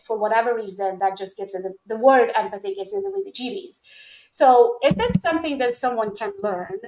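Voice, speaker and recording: A woman's voice: a little high, echoey room, low-quality recording. A woman from Romania, hosting an interview and speaking bluntly. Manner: blunt and quick-talking. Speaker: interview host. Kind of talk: casual interview.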